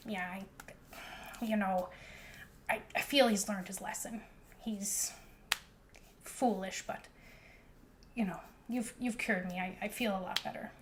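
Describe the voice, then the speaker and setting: Soft, halting old village woman in a tabletop game, voiced by a woman, lower and quieter than her narration. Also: fairly even intonation, a little hiss or hum, close to an everyday voice. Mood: weary. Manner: soft, hesitant.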